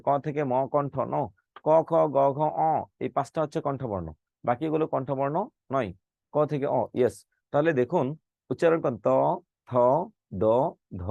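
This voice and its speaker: A man's voice: on the high side, darkish tone, no room sound, lo-fi sound. A middle-aged man, a teacher, giving an online lecture on Bengali phonetics, saying letters aloud and putting questions to his students. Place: online class, live with students.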